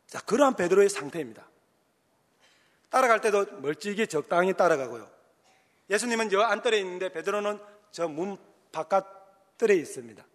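A man's voice: sits high, lively intonation, normal speed, pauses often. A male pastor with a Gyeongsang accent preaching a sermon, telling the story with emphasis and acting out voices. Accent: Gyeongsang Korean. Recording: long hall reverb.

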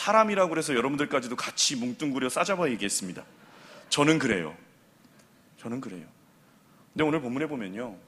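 A middle-aged man preaching a sermon as a pastor, animated and acting out the voices he quotes. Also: fairly high pitch.

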